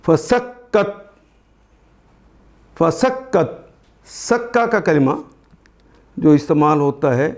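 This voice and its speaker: With a Pakistani Urdu accent and a slightly high voice, an older man leads a Quran translation lesson, going slowly through each word and repeating terms as he goes.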